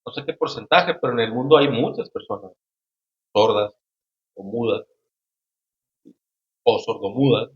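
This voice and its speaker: A man hosting a casual Bible study discussion, speaking haltingly with many restarts and frequent tag questions. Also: mid-range voice. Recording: roomy, dull lo-fi sound.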